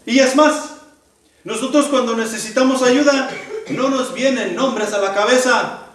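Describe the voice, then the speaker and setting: A man's voice: very high voice, measured pace, slight background noise. A man preaching a sermon to his congregation, asking rhetorical questions and acting out the cries of the people in the story. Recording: echoey hall, voice from far off the mic.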